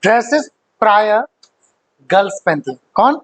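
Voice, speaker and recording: A man's voice: high-pitched, animated, normal speed, poor audio. A man teaching an exam-prep grammar lesson, joking with his students, quizzing them and laughing often.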